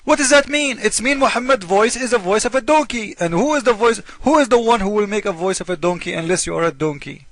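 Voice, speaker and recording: This high-pitched man talks quickly with lively intonation and barely pauses, his tone a little bright and the recording dry. English isn't his first language; as host of a religious polemic video, he gives informal commentary on scripture, repeating himself mockingly and theatrically while acting out both sides of each argument.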